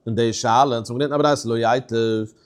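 Man, Talmud teacher, lively lecture, asks and answers his own questions. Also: mid-range voice, quick pace, clean tone.

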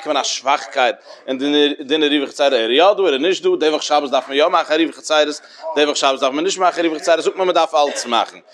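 A man teaching a Talmud lesson in a sing-song study cadence with many fillers. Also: mid-range voice.

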